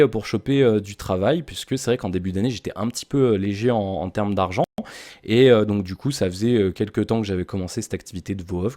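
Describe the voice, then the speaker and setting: A man with a fairly low voice, recorded dry and close, talks straight to his viewers in a casual vlog. He works in voice-over, yet here he stumbles, restarts and drops wry asides as he explains. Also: a little mellow, no echo. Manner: direct address to viewers. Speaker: voice-over artist.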